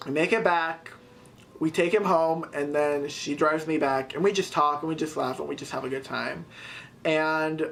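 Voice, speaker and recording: A teenage girl excitedly retelling a scary night out in a casual storytime, with many fillers and sudden jumps in pitch. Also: slight background noise. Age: teens. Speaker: vlogger.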